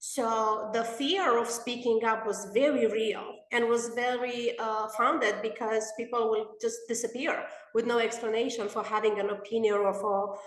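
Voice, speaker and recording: A middle-aged woman from Romania, a guest answering interview questions in an earnest, thoughtful way, pausing and restarting as she goes. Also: on the high side, fairly bright tone. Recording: roomy echo.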